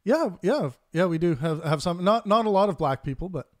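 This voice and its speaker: A man's voice: high voice, animated, brisk, no echo. A man who hosts a podcast and chats casually, laughs easily and often restarts his sentences. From Canada. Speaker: podcast host. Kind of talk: casual debate chat on a live stream.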